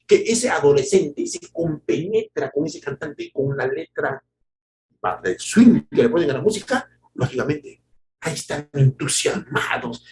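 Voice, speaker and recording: A man, preaching a sermon in an animated way, repeating words and acting out quotes. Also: fairly high pitch, slight background noise, low-quality recording. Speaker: pastor.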